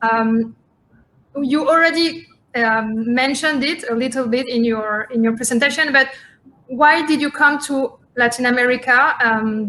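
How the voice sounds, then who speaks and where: A woman's voice: sits high, sharp tone, slight background noise. A woman from France, moderating a conference panel with many fillers and restarts.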